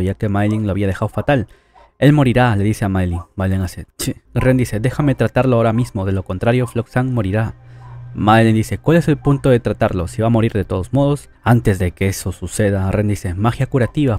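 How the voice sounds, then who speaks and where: A man's voice: lowish voice, darkish tone. A man casually retelling an anime story, reading out the characters' lines and adding chatty asides. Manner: chatty, adds asides and fillers. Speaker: anime story recap narrator.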